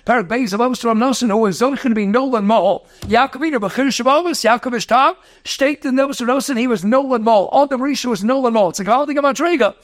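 A rabbi lecturing on Torah, talking quickly, mixing in Hebrew and Yiddish terms, asking rhetorical questions and telling stories. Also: male voice, very high-pitched, no room sound. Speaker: rabbi teaching a Torah class.

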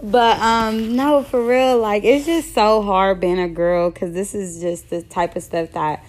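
A woman in her thirties talks straight into her podcast mic in a loose, unscripted solo monologue. Her voice sits at an ordinary mid pitch for a woman. She is blunt and candid, and she often trips over her words as she goes. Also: steady tone, measured pace, darkish tone. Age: 30s. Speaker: podcast host.

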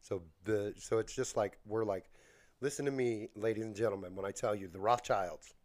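Rambling man with a lowish voice and bronchitis. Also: fairly even intonation, normal speed, darkish tone. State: coughing with bronchitis. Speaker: podcast co-host. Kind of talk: casual rambling podcast chat.

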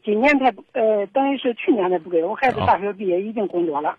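A woman's voice: medium pitch, animated, fast, breathy edge, no echo. A middle-aged woman, calling in and telling her story in an aggrieved, rambling way with many restarts. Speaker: caller. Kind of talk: phone-in confession. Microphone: telephone. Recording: dull lo-fi phone line.

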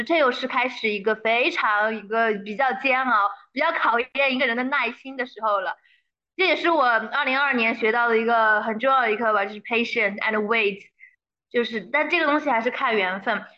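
A young woman talks fast and eagerly as a guest in a casual interview, her voice a little high. She slips English phrases into her story. The recording sounds dull and lo-fi. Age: young adult.

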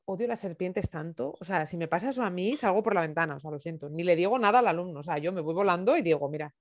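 A woman hosting an interview, expressive, laughing and thinking aloud as she guesses. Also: lowish voice, fast. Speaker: interviewer, host. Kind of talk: casual conversational interview.

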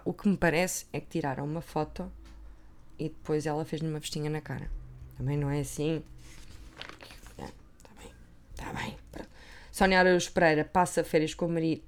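Talking about gossip magazines in a loose, wandering way, a woman with a fairly low voice and a European Portuguese accent sometimes lowers her voice to a whisper.

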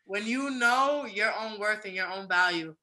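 A woman's voice: mid-range voice, moderate pace, a crowd in the background, rough recording. A woman, co-hosting a podcast and giving earnest, rambling, motivational talk. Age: 20s. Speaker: podcast co-host. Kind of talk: casual chat.

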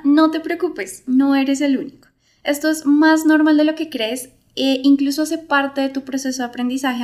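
A woman, an English teacher, explaining a podcast lesson clearly and speaking straight to the listener. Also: sits high, darkish tone.

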